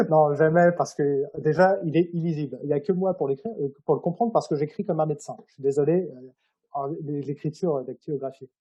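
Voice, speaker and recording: A man's voice: fairly high pitch, brisk, dark tone, slightly rough, highs cut off. A man speaking informally and hesitantly as an author being interviewed. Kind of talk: casual interview, telling anecdotes about his own writing.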